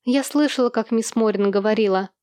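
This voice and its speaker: A woman's voice: fairly high pitch, brisk, darkish tone, no room sound, clean studio sound, lightly acted. A woman voicing a timid little girl who tells tales on her brothers, in an audiobook. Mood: tattling. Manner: bleating, telling tales.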